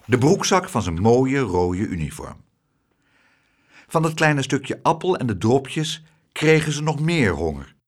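Expressive male storybook narrator. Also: mid-range voice, unhurried.

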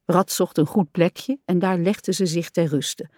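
A woman reading a children's story aloud in a calm, even storytelling voice. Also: fairly low pitch, a little slow, dry recording, studio quality.

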